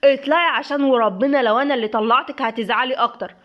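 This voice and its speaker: A woman's voice: high voice, very fast, lo-fi sound, natural voice. A woman with an Egyptian accent voicing a hot-tempered young husband who scolds bluntly and sarcastically. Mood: bossy.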